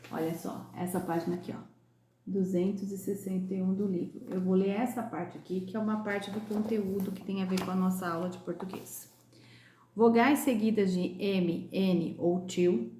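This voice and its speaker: A woman from Brazil teaching young pupils in a recorded class lesson, sounding out words slowly and clearly. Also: mid-range voice, a little mellow, reverberant. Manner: slow, clear, drawn-out pronunciation of sounds. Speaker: primary school teacher.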